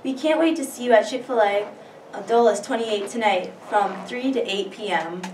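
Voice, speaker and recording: A woman's voice: on the high side, moderate pace, a little mellow. Brief: teen girl co-anchor, recorded from a distance, faint hiss behind her. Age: teens. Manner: reads announcements steadily, with the odd stumble. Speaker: student news anchor. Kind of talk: school announcements. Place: school studio room. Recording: echoey room, distant mic, faint hiss.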